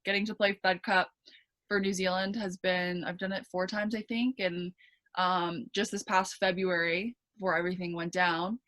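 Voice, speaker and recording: A young Canadian-accented woman, a pro tennis player, chats casually as a guest on a podcast interview. Her voice is on the low side with a sharp tone, and she uses plenty of fillers, restarts, and easy laughs.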